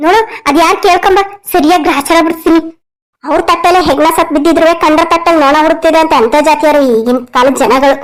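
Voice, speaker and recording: A woman voicing a fiery middle-aged village mother-in-law in a cartoon story, ranting in fast, rustic threats. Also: very high-pitched, low-quality recording.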